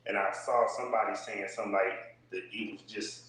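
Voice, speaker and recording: A man in casual chat, laid-back and halting, heard echoing and far off through a second device on a call. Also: on the low side, fairly even intonation, a bit bright, slight background noise. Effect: echoing, far-off sound from a second device on a call. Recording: heavy echo, distant call audio.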